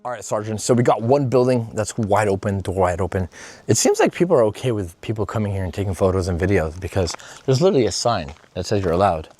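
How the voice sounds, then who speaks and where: A man vlogging outdoors in an abandoned town, relaxed and chatty as he talks to his viewers. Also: on the low side, quick pace. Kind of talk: casual travel vlog.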